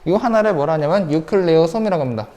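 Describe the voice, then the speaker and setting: Lively woman teaching a science class. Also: low-pitched, rapid-fire, big-room sound. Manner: lively, repeats key points, asks rhetorical questions. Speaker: high school science teacher. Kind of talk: online lecture.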